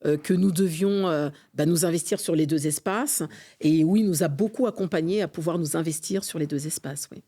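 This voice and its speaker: This middle-aged Frenchwoman, vice-president of an association, is a guest on a conversational podcast interview. Her voice sits low and sounds dark, and she talks fairly quickly. She speaks earnestly and with fervor, hesitating often.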